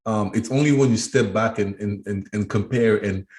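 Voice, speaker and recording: Being interviewed as a guest, a man in his thirties from Cameroon, who works as an education trainer, responds thoughtfully, frequently restarting and repeating himself while he thinks. He speaks at normal speed in a slightly mellow, lowish voice.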